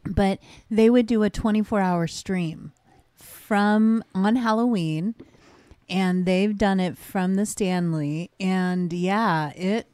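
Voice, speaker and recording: A woman joins the stream now and then with teasing asides. Her voice is mellow and warm, recorded dry and close. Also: medium pitch, slow pace, no echo. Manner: teasing, chiming in with short remarks. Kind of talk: casual livestream chat.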